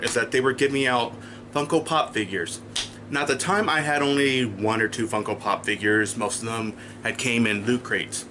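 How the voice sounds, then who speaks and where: A vlogger with a sharp-toned, mid-range voice casually tells a personal story, rambling and holding up items for the camera. A little hiss or hum is audible.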